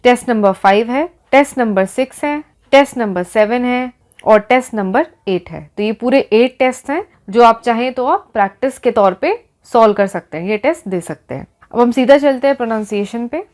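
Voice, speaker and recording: A woman teaching English pronunciation, reading word lists slowly and explaining each one. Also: on the high side, a little mellow. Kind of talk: slow classroom-style explanation.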